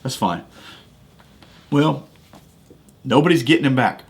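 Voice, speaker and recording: A man hosting a faith-based podcast speaks into a studio microphone in a casual, folksy manner, restarting phrases as he tells a personal story. His pitch is in the typical middle range for a man, with lively intonation and a slow pace.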